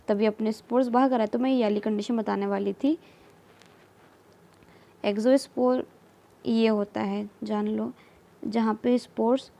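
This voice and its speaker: Woman, biology teacher, unhurried and soft-toned, repeats each term while sketching. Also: fairly high pitch, vocal fry. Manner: slow, repeats terms, mixes English terms into Hindi, frequent "theek hai". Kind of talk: explaining while drawing diagrams.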